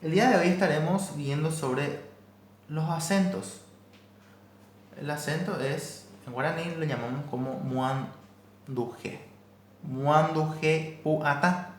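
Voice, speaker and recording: A man gives a recorded language lesson, working through each point slowly and carefully and repeating his examples. His voice sits a little high for a man. The room has a clear echo and a faint hum of ambience behind him. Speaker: language teacher.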